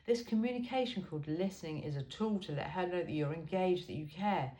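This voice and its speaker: Speaking a little fast in a warm, lowish voice, a woman reads aloud from a humorous self-help book. The informal delivery is wry, conversational and emphatic, with chatty asides, and the recording carries a roomy echo.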